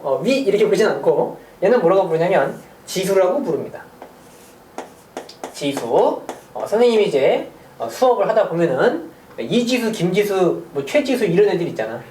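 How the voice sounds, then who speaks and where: In a recorded online math lecture, a middle school math teacher chats his way through the lesson at medium pitch, his voice swinging lively up and down. He tosses out rhetorical questions and small jokes, and the roomy sound is captured from a little distance.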